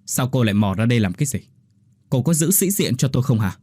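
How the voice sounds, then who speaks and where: A man's voice: mid-range voice, sing-song, brisk, darkish tone, dry recording. A man voicing an arrogant, angry husband who scolds his wife harshly and with contempt. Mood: contemptuous anger. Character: angry arrogant male sales director husband.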